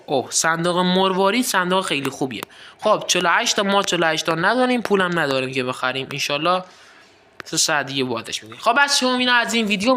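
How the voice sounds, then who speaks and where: A man's voice: sits high, pushed and bright, slight background noise. A man chatting to viewers while playing a mobile card game, explaining moves and sometimes breaking into mock sports commentary. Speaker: gaming video creator. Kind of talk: casual gameplay commentary.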